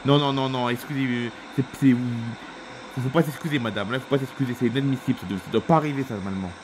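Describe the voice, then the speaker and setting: A man's voice: medium pitch, fast, noisy background, natural voice. A man voicing a furious airline passenger. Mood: indignant. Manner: indignant, repeats himself. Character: irate male airline passenger, stubborn.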